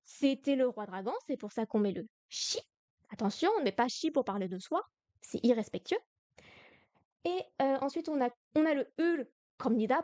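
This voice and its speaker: A woman teaching a beginner Korean lesson in French on a live stream, explaining slowly, repeating words and correcting herself. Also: high voice, dark tone, dry recording.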